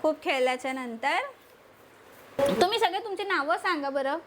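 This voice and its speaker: A woman's voice: high-pitched, lively intonation, normal speed, background noise. A woman hosting a family vlog, playfully running games with her children and laughing as she coaxes them. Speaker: vlog host, mother. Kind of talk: casual family vlog chat. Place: home, indoors.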